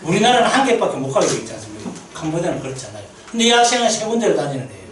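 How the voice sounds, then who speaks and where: Guy preaching in a church, high animated voice, echoey hall, a bit far off. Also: rapid-fire. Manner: lively storytelling, asks the congregation questions. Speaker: missionary pastor. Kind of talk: sermon at a mission meeting. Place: church sanctuary.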